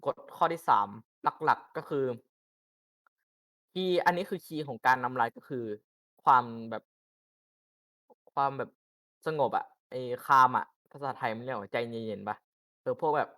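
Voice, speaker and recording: A man's voice: mid-range voice, expressive, measured pace, long pauses, sharp tone. A young man casually teaching game tactics, rambling with fillers and crude swearing. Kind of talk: casual informal tutorial.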